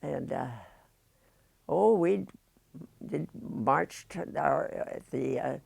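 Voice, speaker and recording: A very old woman, about a hundred, with a Midwestern American accent, reminisces haltingly in an interview, pausing often. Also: deep voice, expressive, creaky, darkish tone, husky, no room sound. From United States, rural Indiana. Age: very old, about 102. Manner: halting delivery with long pauses and many hesitations.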